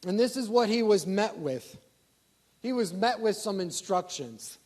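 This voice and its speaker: A pastor preaching a sermon, asking the congregation rhetorical questions and swinging from loud emphasis down to quiet asides. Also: male voice, sits high, lively intonation, measured pace.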